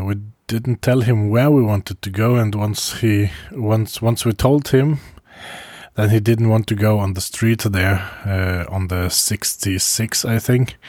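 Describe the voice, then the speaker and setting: A man speaking in a casual first-person travel diary, halting, with frequent pauses and restarts and soft chuckles between phrases. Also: on the low side, dry recording, studio quality. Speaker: traveler recording a video diary.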